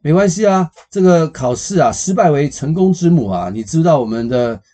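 A man's voice: a little high, expressive, moderate pace, mellow, pitched above the performer's own voice. A man voicing a father who cheerfully lectures his crying child with moral sayings. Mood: cheerfully preachy.

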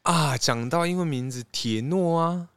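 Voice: mid-range voice, a little slow, smooth, no echo. A podcast co-host with a Taiwanese accent, chatting casually and playfully with short interjections, on a noisy recording. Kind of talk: casual chat.

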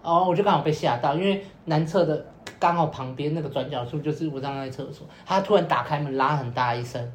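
A man's voice: a little high, quick pace. A young man, casually telling a long story on a podcast, rambling with repeated fillers and acting out what people said. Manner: rambling, many repeated fillers, acts out quoted lines. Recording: roomy echo with faint noise.

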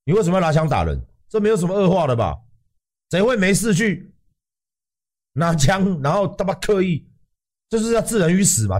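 A man with a Taiwanese Mandarin accent rants on a livestream, heated and swearing freely. His voice sits high for a man and swings up and down a great deal as he works himself up. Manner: profane, heated, animated. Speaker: livestream host. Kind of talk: ranting livestream commentary.

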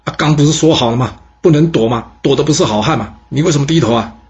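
A man voicing an arrogant, hot-tempered general who shouts in anger, in a storybook tale. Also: on the high side, expressive, racing, vocal fry, dull audio, pitched above the performer's own voice. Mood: angry. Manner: angry shouting.

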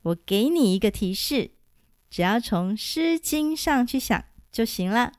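A woman's voice: fairly high pitch, lively intonation, measured pace, darkish tone, dry recording, clean studio sound. A woman voicing a clever, playful teenage girl cook who teases and coaxes as she gives hints. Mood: teasing. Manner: teasing, coaxing.

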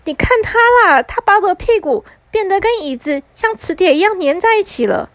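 A woman's voice: extremely high pitch, very animated, brisk, dry recording, pitched above the performer's own voice, heavily acted. A woman voicing a stubborn little boy who whines and pleads. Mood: whining. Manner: whiny, pleading.

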